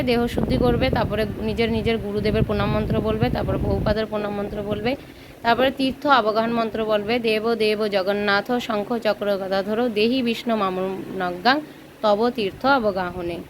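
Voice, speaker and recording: A woman's voice: fairly high pitch, background noise. A woman giving a devotional lesson, steadily listing foods and rules and reciting mantras, often checking in with her listeners. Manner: lists items steadily and recites Sanskrit mantras. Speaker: devotional teacher. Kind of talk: instructional talk on ritual rules.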